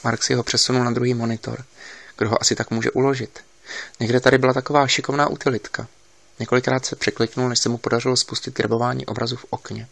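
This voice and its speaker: A man narrating an audiobook in a steady, even reading. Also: mid-range voice, vocal fry, dry recording.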